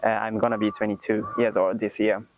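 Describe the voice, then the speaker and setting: A man's voice: on the low side, little pitch movement, fairly quick, no echo, rough recording. A man in his twenties with a Japanese accent, a university student answering interview questions in English, his second language, with frequent "like" and "um". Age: 20s. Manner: hesitant, many fillers like "like" and "um".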